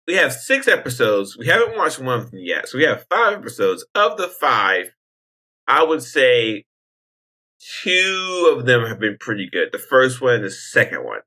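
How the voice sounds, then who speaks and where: A man co-hosting a podcast in casual chat, animated and prone to restarts. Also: moderate pace. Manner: animated, wide-ranging pitch, restarts often. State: hiccuping. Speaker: podcast co-host.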